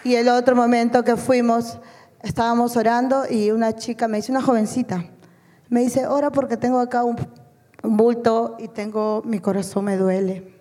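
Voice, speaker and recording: Woman, church testimony, earnest, emotional, mellow tone, long hall reverb. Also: fairly high pitch, level tone, normal speed. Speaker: mission trip member giving testimony.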